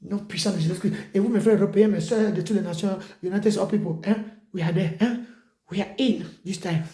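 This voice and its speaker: A man preaching an exhortation sermon, emphatic and repetitive, with sudden high outbursts. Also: brisk, dark tone, reverberant.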